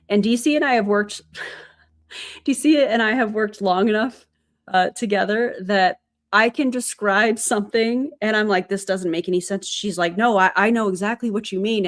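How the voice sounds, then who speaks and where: A woman's voice: mid-range voice, gravelly. A woman hosting a casual livestream, chatting and thanking viewers from the chat. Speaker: livestream host.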